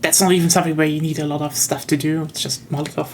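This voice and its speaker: A woman's voice: deep voice, little pitch movement, fast talker, a little mellow, a little hiss or hum. Chatty woman explaining game rules. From Germany. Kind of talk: casual tabletop game chat.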